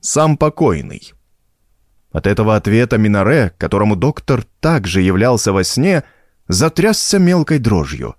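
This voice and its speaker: Male narrator, expressive, dry studio read. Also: lowish voice, normal speed, dry recording. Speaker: reader. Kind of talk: audiobook narration.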